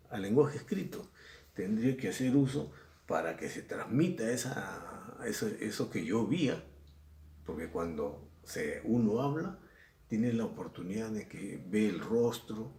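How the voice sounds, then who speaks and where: A middle-aged Peruvian man with a lowish, mellow voice and a Peruvian Spanish accent teaches language at a secondary school. In this recorded lesson from an echoey room, he speaks conversationally, repeats himself often and acts out examples.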